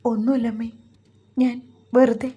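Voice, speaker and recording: Shy young wife in a storybook reading, soft and hesitant, voiced by a woman narrator. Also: fairly high pitch, moderate pace, highs cut off, lightly acted.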